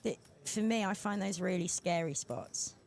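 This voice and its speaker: A woman's voice: fairly low pitch, moderate pace, a little mellow. A woman co-hosting live poker commentary, chatty and playful, asking questions and bantering with her partner.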